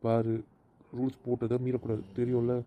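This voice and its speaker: A man's voice: medium pitch, completely flat delivery, normal speed, phone-quality sound, a little hiss or hum, lightly acted. A man playing a bossy, teasing young husband in an amateur audio drama, speaking in a commanding, playful way.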